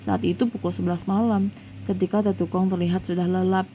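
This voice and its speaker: A woman's voice: fairly low pitch, flat delivery, a little fast, warm tone, a little hiss or hum. A woman reading a storybook aloud to her child, with chatty, playful asides in between.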